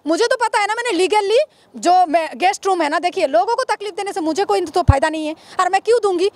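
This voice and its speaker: High-voiced exasperated woman, interviewed outdoors. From Bangladesh. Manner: exasperated, pleading, rapid complaints. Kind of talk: emotional street interview.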